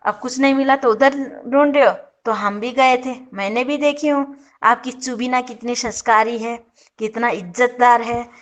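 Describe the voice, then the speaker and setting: A woman's voice: on the high side, fairly even intonation, moderate pace. Sarcastic woman ranting commentary. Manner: sarcastic, indignant, many self-corrections. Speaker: YouTube show commentator. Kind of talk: opinionated casual commentary.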